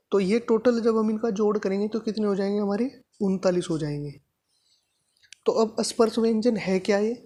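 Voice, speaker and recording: A woman with a mellow, slightly rough mid-range voice teaches grammar to exam students. She explains step by step, answers her own questions, and repeats points, checking in often with "thik hai."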